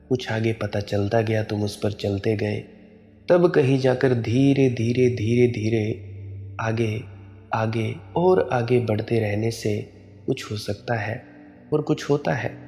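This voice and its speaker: A man giving a spiritual sermon in a slow, measured, admonishing way. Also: medium pitch, warm tone, faint music behind. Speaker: spiritual preacher.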